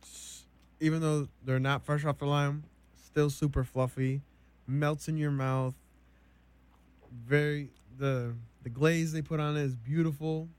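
Slow-talking young man reviewing food. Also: a little high, steady tone, darkish tone, clear, resonant tone, no echo. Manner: slow, deliberate reviewing with many ums. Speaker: co-host. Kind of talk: casual food taste-test chat.

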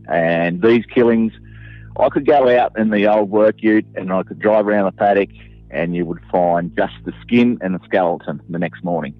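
Australian sheep farmer, low voice, plain-spoken, phone-line audio. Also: male voice, dry recording. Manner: plain-spoken, many "you know" fillers. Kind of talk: casual interview recollection. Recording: phone-like line with faint music.

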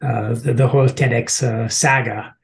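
A man's voice: medium pitch, steady tone, moderate pace, gravelly, slightly rough. A man hosting a motivational podcast, introducing episodes and interviewing guests. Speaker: podcast host.

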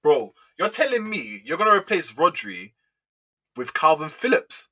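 A young man, co-hosting a casual football chat in excitable, slangy banter. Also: a little high, moderate pace. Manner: excitable slangy banter, says bro a lot. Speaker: podcast co-host.

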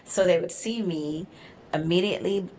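A woman's voice: on the low side, moderate pace, a little hiss or hum. A woman in her forties, a podcast guest, telling travel stories in casual chat and acting out quotes. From United States. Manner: animated storyteller, acts out quotes. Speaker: podcast guest, event organizer.

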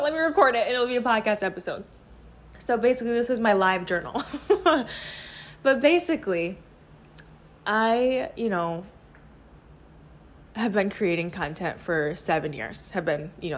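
This podcast episode is a phone voice memo a woman captures as she wanders her apartment, thinking aloud like a journal entry, candid and rambling with plenty of fillers. She has a mid-range voice, and there's slight background noise.

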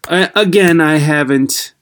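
American male podcast host, slightly higher voice, loose off-the-cuff rambling delivery, tinny built-in computer microphone sound. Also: unhurried, fairly bright tone, slight background noise. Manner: rambling, searching for words, mildly self-deprecating. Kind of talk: casual, unscripted podcast intro.

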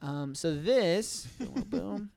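A man's voice: sits high, expressive, drawn-out words, creaky, a little mellow. A man hosting a casual podcast, joking around and filling gaps with lots of ums and uhs. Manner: laid-back, joking, lots of fillers. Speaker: podcast host.

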